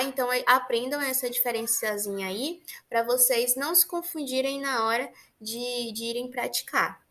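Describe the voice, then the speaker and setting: A woman's voice: high-pitched, pushed and bright. A woman with a Brazilian Portuguese accent teaching a beginner English class online, patiently repeating words and explaining how to pronounce them. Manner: patient, repeats and spells out pronunciation.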